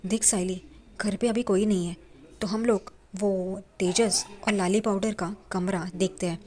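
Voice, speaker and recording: A woman's voice: medium pitch, fairly even intonation, a little slow, a little mellow, natural voice. A woman voicing a cheeky young man who fancies himself an amateur detective, teasing and joking as he talks.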